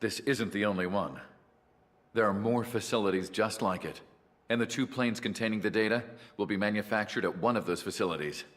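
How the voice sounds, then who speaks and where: A man playing a weary, remorseful older scientist in a video game, narrating solemnly in a gravelly voice. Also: fairly low pitch, brisk, a bit bright, dry recording. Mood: urgent. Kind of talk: scripted dramatic narration.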